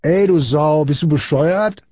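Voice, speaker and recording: A little quarrelsome boy hollers indignant insults, as a man puts him on. The pitch jumps well up over a husky voice, and the recording is dull and dry. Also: a little slow, no room sound. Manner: shrill, indignant yelling. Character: small scrappy boy, shrill and quarrelsome.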